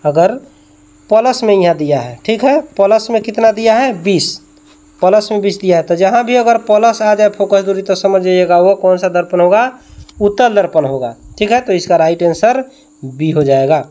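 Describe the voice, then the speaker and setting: A man's voice: sits high, normal speed, mellow. A male tuition teacher going through exam questions, repeating each answer and quizzing with rhetorical questions.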